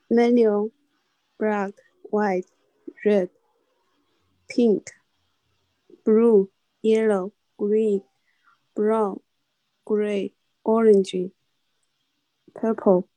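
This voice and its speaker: A Mandarin-speaking woman reads English vocabulary slowly and haltingly, repeating words after her tutor. Her voice is mellow and dry, close to the mic. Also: mid-range voice, level tone, no echo, low-quality recording. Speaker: adult English student. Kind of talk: reading vocabulary aloud and repeating.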